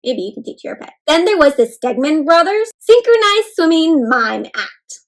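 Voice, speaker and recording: Reading to young kids at a normal speed, this read-aloud host has a high-pitched voice and an expressive, interactive manner. She gasps and poses encouraging questions to her listeners using simple words.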